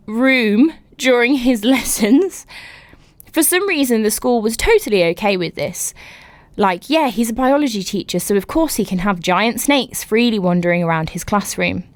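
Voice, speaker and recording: A woman's voice: medium pitch, dry recording. A woman hosting a podcast, reading listener stories aloud and reacting to them with giggles and exclamations. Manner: animated, giggly, exclaims often. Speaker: podcast host.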